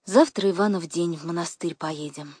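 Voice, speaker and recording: A woman's voice: on the low side, normal speed, darkish tone, breathy edge, no echo. Woman voicing a frightened young girl, breathless, pleading, dry close storybook sound. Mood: gloomy.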